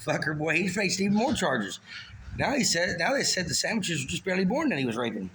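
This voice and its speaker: A man with a fairly high, bright, forceful voice that moves around a lot in pitch. He throws out crude, deadpan wisecracks in casual podcast banter, with faint noise in the background. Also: fast. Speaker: co-host.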